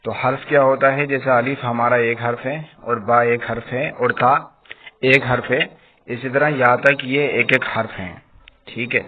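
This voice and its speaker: A man's voice: mid-range voice, level tone. A man teaching an online lesson on reading letters and vowel marks, explaining patiently and often checking in with his students. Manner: slow, emphatic recitation drill of letter sounds. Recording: tinny phone-like sound with faint noise.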